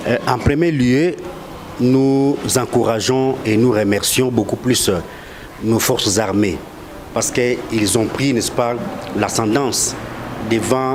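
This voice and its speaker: A man's voice: medium pitch, a little hiss or hum. A man from DR Congo with a Congolese French accent, speaking as an official in a live outdoor interview, emphatic and accusatory, often repeating words and hesitating.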